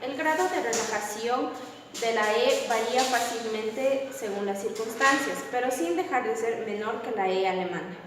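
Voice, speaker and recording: A woman's voice: a little high, moderate pace, noisy background. A woman reading a pronunciation lesson aloud, working steadily through rules and examples. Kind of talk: read lesson narration. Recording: echoey hall, voice from a distance.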